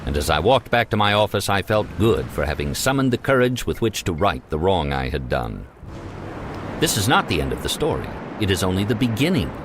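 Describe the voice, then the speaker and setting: Earnest man narrating with lively pitch. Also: brisk, noisy background. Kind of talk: audiobook narration of a self-help text.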